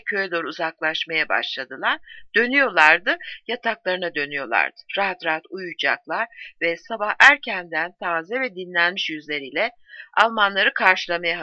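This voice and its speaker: Expressive woman reading a novel aloud. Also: fairly low pitch, moderate pace, no room sound. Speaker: audiobook reader. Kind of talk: scripted narration of a novel. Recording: dull lo-fi, dry.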